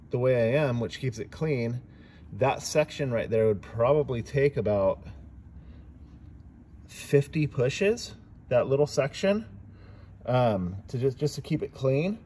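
A man doing dent repair outdoors, explaining his work in a relaxed, casual way as he films on a phone. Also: medium pitch, unhurried, a little hiss or hum. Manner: relaxed, explanatory, talks between tasks. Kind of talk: casual how-to narration while working. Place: outdoors in a parking lot beside a car.

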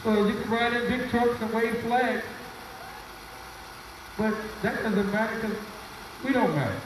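A man's voice: very high-pitched, unhurried, noisy background. A man emceeing a night rally on a mic in an outdoor plaza, speaking earnestly and repeating his key phrases. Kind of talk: speech to a crowd at a rally. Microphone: handheld mic through speakers, filmed from afar. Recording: echoey outdoor PA, far phone camera.

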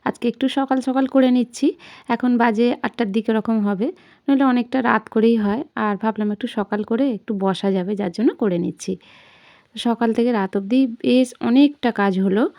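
A woman's voice: fairly high pitch, a little mellow. Woman in her 30s vlogging chores at home, chatty, talks to viewers like friends, phone mic in the kitchen. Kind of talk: casual home vlog narration.

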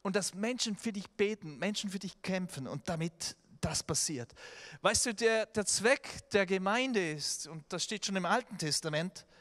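A pastor preaches a sermon in church at a moderate pace, his voice high-pitched. He tells stories animatedly, acting out quotes, with restarts and filler sounds.

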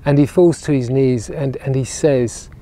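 Standing by ruined castle walls in the sunshine, this regional minister preaches to camera with earnest conviction, repeating words to drive each point home. His voice is mid-range, dark and unhurried, picked up by a clip-on lapel mic.

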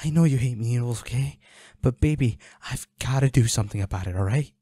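Fast-talking and mellow with a breathy edge, a medium-pitched man is recorded dry at studio quality in a lightly acted role. As a protective boyfriend anxiously tending his wounded werewolf partner, he speaks in an urgent, pleading, soothing way in this intimate audio roleplay.

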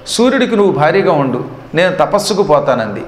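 A man voicing a calm, resolute goddess wife in an earnest storytelling voice. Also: fairly high pitch, quick pace, echoey room, long reverb tail.

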